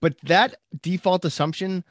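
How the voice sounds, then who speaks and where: A man's voice: high voice, normal speed, no echo, clean studio sound. A man in casual conversation, thoughtful and hedging, with a self-deprecating manner.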